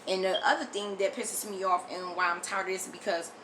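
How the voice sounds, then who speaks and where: A woman's voice: mid-range voice, fairly even intonation, a little fast, fairly bright tone, slight background noise, low-quality recording. An American woman delivering an impassioned, blunt opinion monologue as a video commentator, emphatic and repeating phrases for force, often swearing. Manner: frequent swearing.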